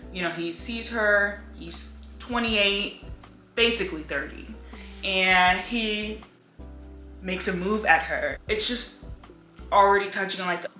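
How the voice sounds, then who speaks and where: A woman's voice: lowish voice, pushed and bright. A young woman chatting casually about books in a home room, filling her talk with "like.". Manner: chatty, lots of "like" fillers. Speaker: book vlogger. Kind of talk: casual chat. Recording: echoey room with faint music.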